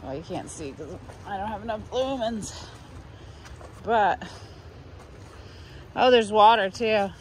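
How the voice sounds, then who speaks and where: This medium-pitched woman talks slowly and pauses often. Hiking a rocky beach at night as a vlogger, she narrates playfully with excited exclamations, recorded on a body-worn camera whose outdoor audio is noisy.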